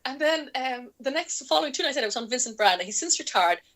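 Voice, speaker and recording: A woman with an Irish accent, a guest in an interview, telling stories in a lively way and laughing often as she talks. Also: high-pitched, quick pace. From Ireland. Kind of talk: casual storytelling in an interview.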